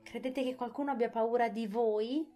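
A woman's voice: fairly high pitch, lively intonation, moderate pace, mellow, faint music behind, voice pushed up. A woman reading an audiobook, voicing a bold, indignant young girl. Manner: indignant, outspoken.

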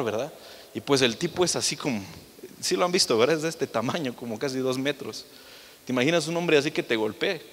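A man's voice: on the high side, fairly bright tone. A young man preaching a sermon in a church, firing rhetorical questions at the congregation. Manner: acts out the voices of people in his stories. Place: church hall. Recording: long reverb of a large hall.

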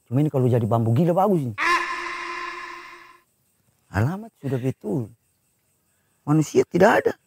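A man playing a threatening, gruff debt collector in a comedy sketch. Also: on the high side, very animated, moderate pace, long pauses. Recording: loud background noise.

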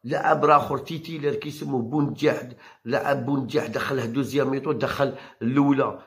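A man with an Algerian Arabic accent who reads football news and then rants about it, combative and quick to argue back. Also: medium pitch, steady tone, fairly bright tone. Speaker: football commentator. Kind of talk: heated football talk. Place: home channel recording.

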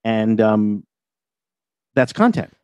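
A lowish, darkish, smooth male voice, very animated yet slow, comes through with no room sound. He's a TV writer and producer guesting on a podcast, chatting wryly and talkatively in a casual interview and often repeating words as he starts a thought.

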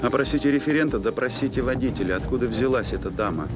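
A man acting as a middle-aged army security officer in a film drama. He talks quickly in a medium-pitched voice, scrupulously polite and dry, yet relentless. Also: loud music behind the voice, close to an everyday voice. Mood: brisk, dry. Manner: formally courteous, dry, insistent.

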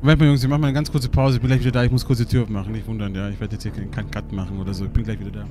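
A young man giving casual, excitable gaming commentary, swearing and laughing often as he plays. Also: fairly low pitch, rapid-fire, music in the background. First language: German. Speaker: let's play gamer.

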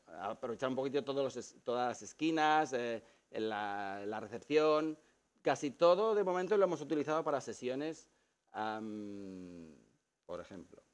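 Casting: Catalan-man, relaxed, rambling photographer giving a studio tour. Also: mid-range voice. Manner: relaxed, rambling, many fillers and restarts; animated storytelling with acted quotes. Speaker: photographer showing his studio. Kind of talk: casual explanatory tour.

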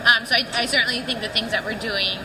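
A woman's voice: a little high, fairly even intonation, fast. A woman giving a casual, filler-filled interview answer at a convention. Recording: noisy field recording.

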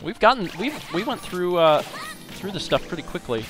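Over game music and sound effects, a young let's play host chats about the co-op game he's playing. His voice sits high and is very animated at a moderate pace, and he stays upbeat, musing aloud as he goes.

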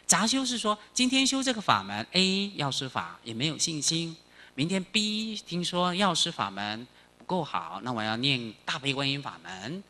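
A male Buddhist monk giving a sutra lecture, animated, chanting phrases slowly and quizzing the audience. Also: a little high. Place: lecture hall.

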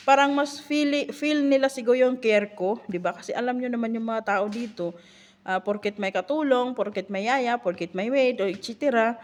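A live-in nanny chats in a casual vlog, telling stories with animation and tossing in rhetorical asides. Her voice sits a little high.

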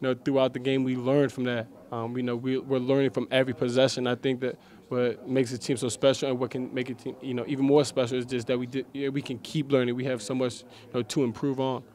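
A young man, a college basketball player, answering post-game questions haltingly with many fillers in a locker room. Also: medium pitch, level tone, darkish tone. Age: young adult. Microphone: handheld mic held by interviewer.

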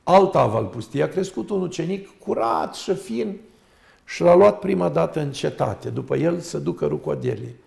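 Man, a monk on a talk show, gravelly voice, piles up long lists when he preaches. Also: fairly high pitch, animated, a little mellow. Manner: emphatic, lists things in long runs. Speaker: monk, guest. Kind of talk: storytelling talk-show sermon. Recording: roomy echo.

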